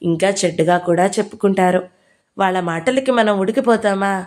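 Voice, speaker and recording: A woman narrating an audio novel in a calm, reasoning manner. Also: medium pitch, normal speed.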